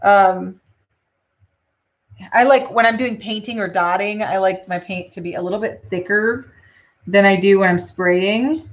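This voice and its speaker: A woman's voice: medium pitch, a little slow, long pauses. Woman walking thru her lure painting live, lots of ums, kinda muffled stream audio. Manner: relaxed and chatty, frequent ums, answers viewer questions. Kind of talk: live painting tutorial, thinking aloud.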